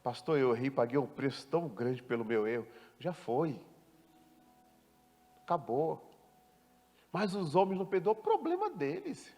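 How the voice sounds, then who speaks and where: Emphatic pastor preaching in a reverberant hall. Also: male voice, medium pitch, measured pace, pauses often. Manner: emphatic, rhetorical questions, dramatic swings from loud to hushed. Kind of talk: sermon. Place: church.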